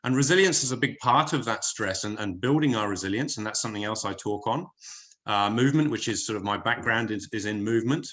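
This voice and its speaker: A fast-talking British wellness presenter with a voice on the low side leads an online corporate session by video call. Years in New Zealand have lightly tinged his English accent, and he's chatty and hesitant, with frequent fillers and restarts.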